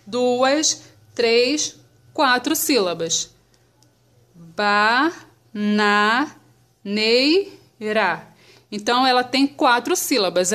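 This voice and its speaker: Slow, animated teacher woman. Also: a little high. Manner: slow, patient, spells syllables out. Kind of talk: children's lesson on syllables.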